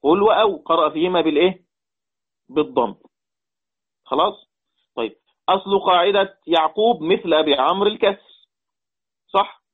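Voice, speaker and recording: A man's voice: fairly high pitch, moderate pace, pauses often, husky. A man with an Egyptian Arabic accent teaching a Quran recitation lesson. He repeats points and quizzes his students. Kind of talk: online lesson explaining readings. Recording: tinny phone-like line.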